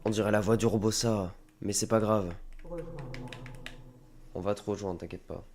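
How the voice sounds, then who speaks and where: A man's voice: lowish voice, fairly even intonation, moderate pace, darkish tone, a little hiss or hum. A man with a head cold casually chatting to viewers while streaming a game. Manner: chatty, rambling, talks to viewers. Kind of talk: casual let's-play commentary. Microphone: desk microphone.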